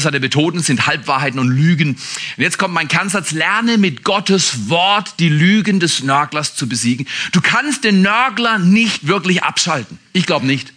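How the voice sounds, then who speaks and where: Husky-voiced man preaching, bright edge. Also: fairly high pitch. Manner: swings between emphatic outbursts and quiet asides; conversational preaching with direct questions to listeners. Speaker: pastor. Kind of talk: sermon.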